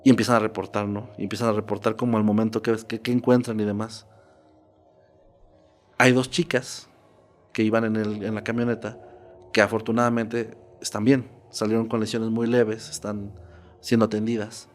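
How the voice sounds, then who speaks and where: A man's voice: lowish voice, little pitch movement, normal speed, faint music behind. A man narrating a true horror story in a casual, conversational podcast style. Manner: conversational, checks in with "¿no?".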